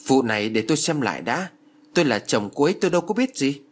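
A man's voice: medium pitch, very animated, a little fast, slight background noise, lightly acted. A man playing a worried, helpless middle-aged father. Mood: alarmed. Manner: anxious, pleading.

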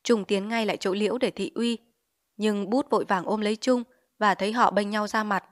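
A woman narrating a dramatized novel reading, acting out each character in a lively way. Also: mid-range voice, normal speed, dry recording, clean studio sound. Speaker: audiobook narrator.

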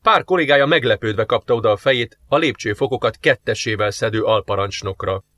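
A man reading an audiobook in even, measured narration. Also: on the low side, no echo.

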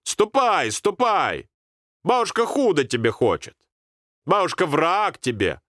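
A man voicing a fussy, scolding old village grandmother in a storybook reading, with drawn-out country speech. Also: on the high side, big pitch swings, fairly bright tone, dry recording, studio quality, pitched above the performer's own voice.

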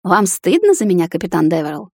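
A woman's voice: fairly low pitch, very animated, a little fast, a little mellow, dry recording, studio quality. A woman playing a cheeky young bride. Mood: teasing. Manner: mock-gasping, teasing. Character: cheeky young noble bride, playful and stubborn.

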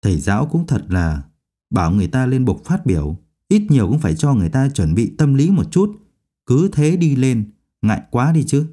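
A man voicing a timid male roommate who speaks softly to smooth things over. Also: mid-range voice, big pitch swings, moderate pace. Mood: placating. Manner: soft, placating.

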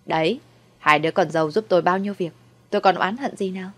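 A woman's voice: fairly low pitch, quick pace, natural voice. A woman voicing a scheming, cruel old mother-in-law in a storybook reading, coldly mocking. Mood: falsely sweet. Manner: mocking, sweetly cold then shrieking.

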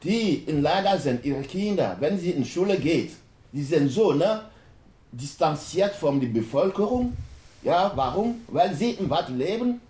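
A man whose first language isn't German speaks on a panel in a university lecture hall, his German halting and broken, often restarting mid-word. His voice is dark and mellow but animated, swinging widely in pitch, and the hall lends a roomy echo.

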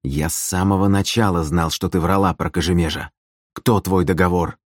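A man's voice: sits low, steady tone, moderate pace, dry recording, clean studio sound. A man voicing a stern, curt mercenary man in an audiobook, grim and cold. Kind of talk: audiobook character voice.

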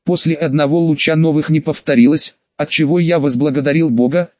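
A man reading a first-person fantasy audiobook in a steady, even storytelling manner. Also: on the high side, a little fast, no room sound, highs cut off. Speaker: audiobook narrator.

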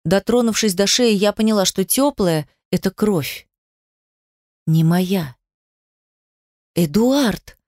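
A woman's voice: mid-range voice, measured pace, darkish tone, dry recording, clean studio sound. A woman giving emotional first-person narration of a dramatic story in a tearful tone. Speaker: audiobook narrator.

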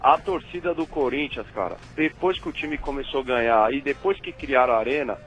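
A man's voice: medium pitch, a little fast, fairly bright tone, lo-fi sound. A man with a Brazilian Portuguese accent calling in to a radio football debate, blunt and disagreeing, with faint music behind. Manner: blunt, keeps saying "mano". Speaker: caller.

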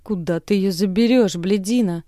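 A woman's voice: mid-range voice, normal speed, mellow, no echo, studio quality, close to an everyday voice. A woman voicing a drunk, crude middle-aged father who slurs and growls bullying abuse. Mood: drunk, abusive.

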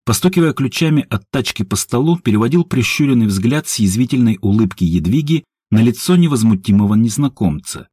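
A man narrating an audiobook with expressive reading. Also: medium pitch, fairly quick, few pauses, breathy edge, dry recording, studio quality. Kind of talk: scripted narration.

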